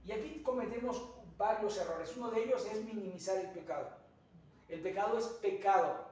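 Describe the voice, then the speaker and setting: A man's voice: high-pitched, moderate pace, darkish tone. A man with a Mexican accent preaching a sermon as pastor, earnest, with rhetorical asides and frequent hesitant fillers. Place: church sanctuary. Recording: very echoey church from a distance.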